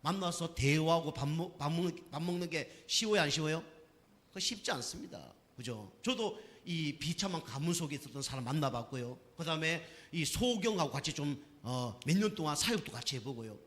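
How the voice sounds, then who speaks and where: Pastor preaching in a reverberant church. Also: male voice, on the high side, animated, a little fast, a bit bright. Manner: asks the congregation questions and keeps checking with "right?". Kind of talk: sermon. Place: church sanctuary.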